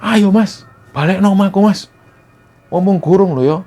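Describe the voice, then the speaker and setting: A man voicing an angry, threatening male ghost, the father of a spirit family, in a high, loud voice. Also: normal speed, soft background music, close to an everyday voice. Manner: threatening, demanding.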